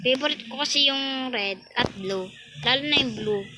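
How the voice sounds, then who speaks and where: A woman's voice: sits high, normal speed, noisy background. A woman with a Filipino accent giving chatty, laughing commentary on a Roblox game, talking to her viewers. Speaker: gaming YouTuber. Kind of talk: casual Roblox gameplay commentary. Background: game music.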